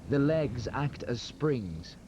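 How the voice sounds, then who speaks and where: A man's voice: mid-range voice, animated, takes it slowly, creaky, background noise. Man narrating off a worn VHS tape. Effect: worn VHS tape copy. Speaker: documentary narrator. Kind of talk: scripted nature documentary voice-over. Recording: dull lo-fi tape with loud music behind. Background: loud music score.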